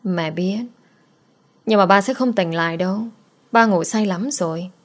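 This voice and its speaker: A woman voicing a grieving young mother who gently coaxes her daughter. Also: mid-range voice, measured pace, natural voice. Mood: coaxing.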